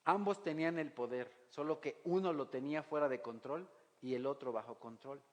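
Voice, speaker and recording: Pastor preaching in a reverberant hall. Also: male voice, a little high, a little fast, darkish tone. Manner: rhetorical questions to the congregation, reads scripture aloud. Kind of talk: sermon.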